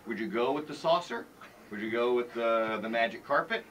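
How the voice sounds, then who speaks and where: A man chatting casually as a morning rock radio DJ and interviewer, bantering with a halting delivery. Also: medium pitch, fairly bright tone, recorded from a distance. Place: radio studio. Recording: off-mic sound with faint background noise.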